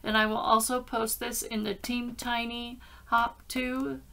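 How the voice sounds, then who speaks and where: A woman's voice: a little high, flat delivery, a little slow, gravelly, fairly bright tone. A woman in her forties hosting a casual craft vlog, chatting to viewers and rambling as she narrates each step aloud. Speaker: craft channel host. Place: small craft room at home, indoors. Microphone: laptop webcam at arm's length.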